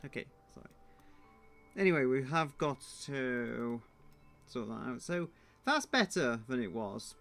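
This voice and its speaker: A man's voice: medium pitch, sing-song, a little slow, gravelly, pauses often, fairly bright tone, faint music behind. A man streaming his drawing, thinking aloud in a muttering, self-deprecating way.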